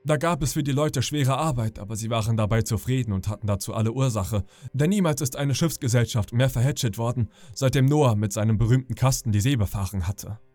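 Calm male audiobook narrator. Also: medium pitch, a little fast, hardly any pauses, no echo, faint music behind. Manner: calm, even storytelling. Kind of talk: calm audiobook reading for sleep.

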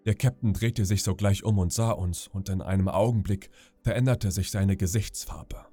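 A man reading a bedtime audiobook in a calm, measured storytelling way. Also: deep voice. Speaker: audiobook narrator.

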